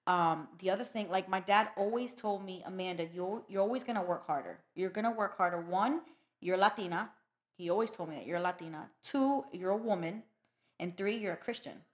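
Woman host, spanish first language, easygoing chat, mid-pitch. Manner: warm, laughs along, quick agreeing interjections. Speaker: podcast host. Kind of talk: casual interview chat.

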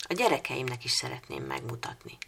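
A woman with a low, creaky voice voicing a solemn child from a snowy mountain village in a storybook reading, speaking with quiet urgency. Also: wildly swooping pitch, heavily acted.

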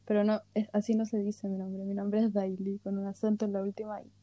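A woman's voice: mid-range voice, monotone, fast, dark tone, no room sound. A woman in her early twenties with a Chilean accent, co-hosting a casual podcast with jokes and frequent laughter. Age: 20s. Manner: joking, self-mocking, laughs often. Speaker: podcast co-host.

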